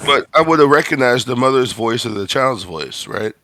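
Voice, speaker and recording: A man with a mid-range, bright voice chats as a player in a tabletop game. He rambles and second-guesses himself as he talks. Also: mid-range voice, lively intonation, moderate pace, a little hiss or hum. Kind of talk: casual tabletop game chat.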